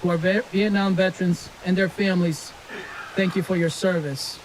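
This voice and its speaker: Guy giving a formal speech in a projected military voice, pretty high pitched, bit of outdoor noise. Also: little pitch movement, moderate pace, low-quality recording. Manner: loud, projected military delivery. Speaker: city veteran service officer. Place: outdoors at a memorial ceremony, public address. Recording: outdoor recording with faint noise.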